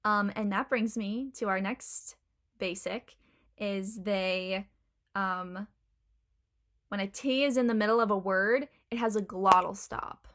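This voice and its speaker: A woman's voice: mid-range voice, slow, fairly bright tone. A young woman hosting a casual video tutorial, explaining pronunciation step by step with examples and frequent ums. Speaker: host teaching accents.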